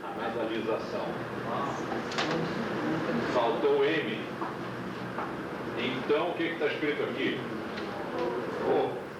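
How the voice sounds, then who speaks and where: A man's voice: mid-range voice, slow, long pauses, highs cut off. A Brazilian man teaching a yoga class in a classroom, lecturing in a chatty way and asking his students questions, heard from an old VHS tape. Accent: Brazilian Portuguese. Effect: old VHS tape recording. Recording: echoey distant hiss of old VHS tape.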